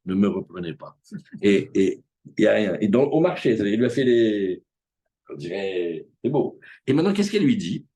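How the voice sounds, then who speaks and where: Animated rabbi with a husky voice. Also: male voice, on the low side, moderate pace. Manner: animated, acts out the characters' lines. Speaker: rabbi teaching Talmud. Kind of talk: lively Talmud class to students. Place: live class with students in the room.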